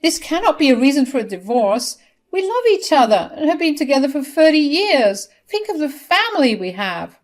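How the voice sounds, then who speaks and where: Woman putting on a frantic high-pitched older mom, begging, scheming. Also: lively intonation, unhurried, a little mellow. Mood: desperate. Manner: shrill, pleading, frantic. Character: desperate scheming older mother-in-law.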